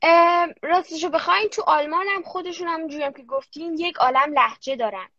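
High-voiced girl answering hesitantly. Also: sharp tone, no echo. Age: child. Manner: hesitant, many fillers. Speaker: guest, young German-language creator. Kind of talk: casual interview answers. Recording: dull lo-fi dry sound.

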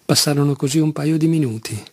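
A man reading a classic novel aloud as an audiobook narrator, in a measured, even storytelling manner. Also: a little high, slightly rough, no room sound. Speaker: audiobook reader.

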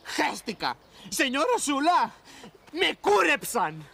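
An actor playing a whiny young foreign army recruit who phones home to complain. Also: male voice, extremely high pitch, lively intonation, sharp tone, full character voice. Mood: whining. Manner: plaintive, complaining, drawn-out pleading. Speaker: soldier calling by phone.

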